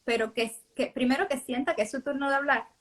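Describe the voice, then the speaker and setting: A woman hosts a live-streamed chat, speaking as a mother about her own experience. Her voice sits a little high, and she reflects thoughtfully with soft laughs between points. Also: steady tone, fast talker. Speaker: mother and host.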